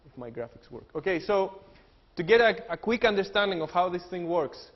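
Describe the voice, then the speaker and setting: This man from Greece, an engineering professor, talks in a high, animated, brisk voice with a Greek accent. He jokes and explains during his technical lecture, filling gaps with "uh." The hall recording is dull and lo-fi, with long reverb.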